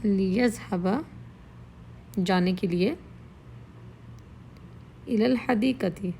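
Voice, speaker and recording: A woman's voice: mid-range voice, vocal fry, dark tone, a little hiss or hum. Patient woman teaching Arabic vocabulary. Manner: patient, explains each word slowly and repeats it. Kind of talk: vocabulary lesson explained in Urdu with English.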